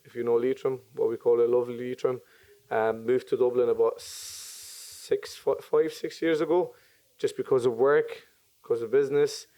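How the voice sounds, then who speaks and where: A young man from Syria talks casually as a podcast guest. His voice is mellow and relaxed, at an ordinary pitch. He often stops to say um and restarts his sentences. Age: 20s. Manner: hesitant, many ums and restarts. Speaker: podcast guest, business owner. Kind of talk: casual interview chat.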